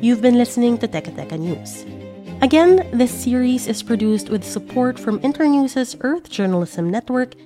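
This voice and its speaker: Woman news narrator, mellow tone, measured scripted read, faint music underneath. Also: on the high side, animated. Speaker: podcast writer and producer, narrator.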